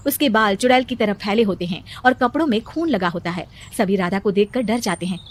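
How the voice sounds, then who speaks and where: A woman narrating a storybook cartoon in a steady storytelling manner. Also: mid-range voice, fairly quick.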